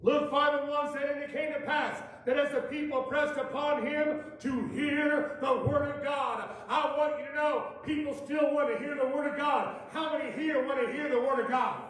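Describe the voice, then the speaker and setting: A middle-aged man preaching a revival sermon from a church pulpit, building to shouts and mixing in playful asides. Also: extremely high pitch, steady tone, moderate pace, hardly any pauses. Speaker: pastor. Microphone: far camera at the back of the sanctuary. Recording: echoey church from far off.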